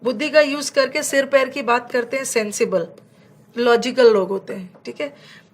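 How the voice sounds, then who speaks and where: A woman teaching an English vocabulary lesson with an Indian accent, explaining in Hindi and slowing down to read out English example sentences. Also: on the high side.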